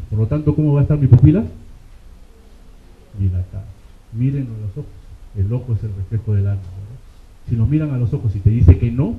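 A man lectures medical students at a mid-range pitch, firing off questions and answering them himself, checking in with a quick "ok?". The sound is thin and phone-like, and the room around him rings with echo. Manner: rhetorical questions, frequent "ok?" check-ins. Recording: tinny, echoey classroom recording.

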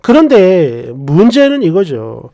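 Lively woman narrating a story. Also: on the low side, slow, gravelly. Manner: indignant, questioning tone. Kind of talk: scripted first-person story reading.

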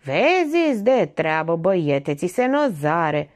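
A woman's voice: on the low side, big pitch swings. A woman voicing a smug, self-assured middle-aged barber who lectures as if he alone reasons, in an audiobook. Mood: reassuring. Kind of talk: audiobook character reading.

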